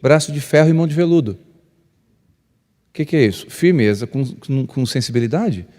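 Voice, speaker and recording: A male pastor, telling stories to couples. He speaks loudly by nature, acts out dialogue and jokes with the crowd. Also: medium pitch, expressive, a little fast. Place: church hall. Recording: long reverb of a church hall.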